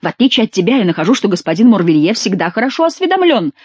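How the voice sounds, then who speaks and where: A woman's voice: mid-range voice, very animated, rapid-fire, darkish tone, husky, no echo. A woman voicing a sly, mocking Gascon jester who teases his king with mock familiarity.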